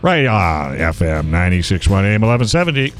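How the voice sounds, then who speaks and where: A man's voice: low voice, big pitch swings, fast talker, over loud music. A man hosting a talk radio show, moving between banter and announcements.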